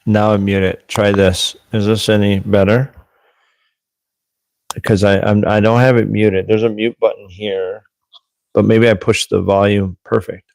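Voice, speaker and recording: A man hosts a casual livestream in a fairly low, level voice that is unhurried, creaky and a little mellow; he is a former Marine Corps religious lay leader. Chatty and self-deprecating, he fiddles with the gain on his desk microphone before reading from a military handbook. The low-quality recording is dry and close with no echo, and the mic clips slightly.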